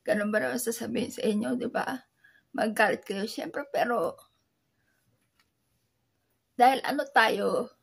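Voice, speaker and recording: Woman online seller, soft teary-sounding voice, slightly high and breathy, halting casual delivery. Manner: slow, halting, with many fillers. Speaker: online seller sharing tips. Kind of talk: casual vlog talk.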